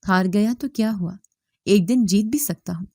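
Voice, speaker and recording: A woman voicing a defiant, careless young man in a spoken story, answering back in a shouting, reckless manner. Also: mid-range voice, dry recording, studio quality, close to an everyday voice.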